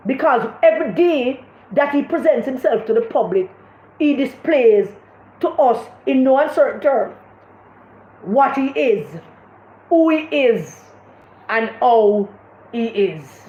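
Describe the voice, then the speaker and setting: A woman's voice: high-pitched, lively intonation, slow, pauses often, echoey room, muffled recording. A Jamaican woman giving impassioned political commentary on a livestream, often repeating words as she searches for what to say.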